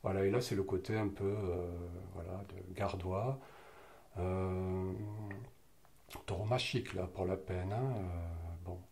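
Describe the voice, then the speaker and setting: Man, 50s, from French Catalonia, low voice, reminiscing interviewee who pauses and hesitates often. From French Catalonia, southern France. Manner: lively storyteller, laughs often, frequent hesitations. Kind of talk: personal reminiscing in conversation.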